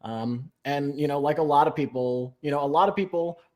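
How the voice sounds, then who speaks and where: A man appearing as a podcast guest, explaining his ideas in a measured way with frequent "um" and "you know". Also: fairly high pitch, a little mellow. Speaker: guest, newsletter writer. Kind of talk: explanatory interview talk.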